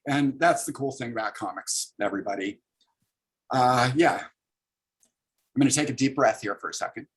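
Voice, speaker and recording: A man's voice: mid-range voice, normal speed, poor audio. A man in his thirties, a comics artist leading an online library workshop, talking casually and upbeat with many fillers over a video call.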